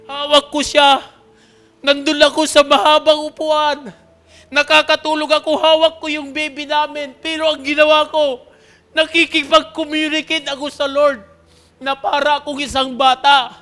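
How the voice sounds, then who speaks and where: High-voiced, bright male pastor preaching. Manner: earnest, often checks in with the congregation; swings between soft, hushed passages and loud, pleading ones. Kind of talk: personal testimony sermon.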